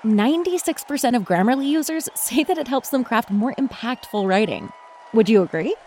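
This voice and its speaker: Lively female sideline reporter played by an actress. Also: a little high, a little fast, a little hiss or hum, close to an everyday voice. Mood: earnest, excited. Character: brisk female sideline sports reporter in a parody ad. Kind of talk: scripted ad interview.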